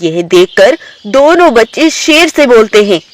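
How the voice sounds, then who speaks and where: A woman narrating an animated children's story in a storybook manner. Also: on the high side. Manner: slow, storybook telling.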